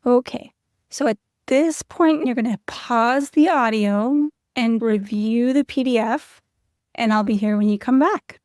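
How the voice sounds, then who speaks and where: A woman's voice: on the high side, dry recording, studio quality. Soothing woman guiding a lesson. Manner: calm, soothing, unhurried instructions. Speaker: canine rehab instructor. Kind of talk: guided audio lesson.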